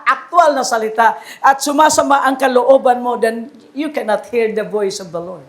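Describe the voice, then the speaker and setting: A woman with a Filipino accent preaching a sermon, switching between Tagalog and English and rising to emphatic calls. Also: high-pitched.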